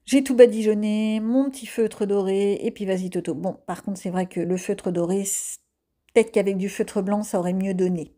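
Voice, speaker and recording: A woman's voice: medium pitch, steady tone, moderate pace, mellow. A woman giving a casual voice-over of her coloring session as an art vlogger. She talks in a chatty, self-mocking way, with frequent hesitant fillers.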